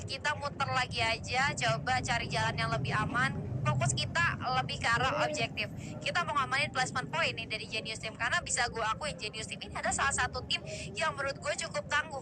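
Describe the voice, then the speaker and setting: Fast, high-pitched female esports game announcer. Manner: game announcer play-by-play with English gaming terms mixed in. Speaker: esports shoutcaster. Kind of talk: live mobile battle royale match commentary. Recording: loud game and vehicle noise behind.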